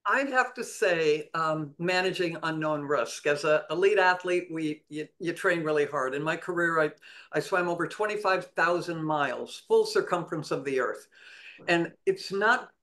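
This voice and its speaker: A woman's voice: deep voice, normal speed, a bit bright. A woman speaks as a guest on an online panel. Her delivery is earnest and motivational, like a coach rallying a team. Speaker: panel guest, former elite swimmer. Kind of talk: webinar panel talk.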